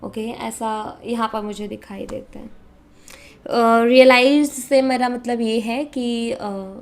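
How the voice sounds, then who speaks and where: A woman from India giving a casual, conversational tarot reading to viewers, often mixing in English words and pausing on fillers. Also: fairly high pitch, fairly even intonation. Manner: conversational, mixes English into Hindi, frequent fillers. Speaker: tarot reader.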